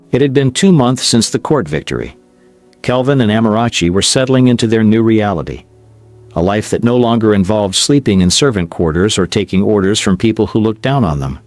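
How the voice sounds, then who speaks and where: A man narrating a drama story in a measured, expressive way. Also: lowish voice. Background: faint music.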